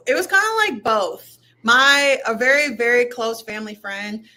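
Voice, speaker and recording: A woman's voice: a little high, animated, moderate pace, sharp tone. A young woman from Minnesota, a guest talking women's basketball in a casual interview, with lots of "um" and "like". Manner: chatty, many fillers like "um" and "like".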